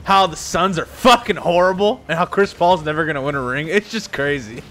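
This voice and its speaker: A young man chatting and joking with friends while playing an online game, teasing them and breaking into loud laughter. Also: a little high, a little fast, very noisy. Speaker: gaming YouTuber. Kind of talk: casual chat while gaming.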